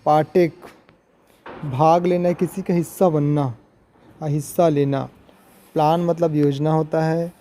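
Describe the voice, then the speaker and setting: A man's voice: a little high, flat delivery, a little slow, dark tone. A man teaching English pronunciation in a video lesson, going through words one by one with their meanings and repeating points as he explains.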